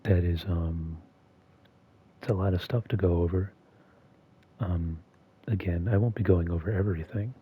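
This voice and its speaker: A man hosting a video in a soft-spoken, half-monotone voice that is often whispered and slightly strained. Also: sits low, moderate pace, pauses often, husky, dull audio. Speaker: video host. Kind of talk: soft-spoken ASMR-style commentary.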